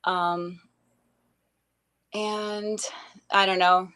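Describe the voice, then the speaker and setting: A young woman speaks as an interview guest, recounting her childhood in a casual, unhurried way. She hesitates often, filling gaps with ums and starting sentences over. Her voice sits at an ordinary middle pitch. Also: level tone, sharp tone, clear, resonant tone. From grew up in Bangladesh, later Canada. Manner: hesitant, many ums and restarts. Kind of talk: casual personal storytelling.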